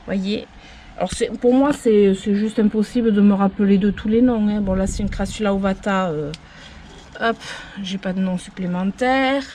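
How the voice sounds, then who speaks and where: A woman's voice: a little high, a little mellow, slight background noise. A woman giving a casual tour of her potted succulents outdoors, rambling and often unsure of the plant names. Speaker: plant vlogger. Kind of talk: casual show-and-tell tour.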